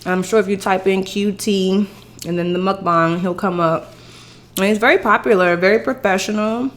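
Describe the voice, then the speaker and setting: Lady doing a mukbang, rambly casual chat to the camera while eating crunchy fried chicken, medium pitch. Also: fairly even intonation, normal speed, a bit bright. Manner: chatty, rambling. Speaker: mukbang host.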